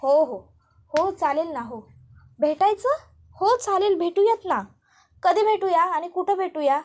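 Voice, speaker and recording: A woman's voice: very high-pitched, expressive, measured pace, darkish tone, pitched above the performer's own voice. A woman doing an exasperated young husband. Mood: play-acting on phone. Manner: exasperated protest. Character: irritated young husband, flustered.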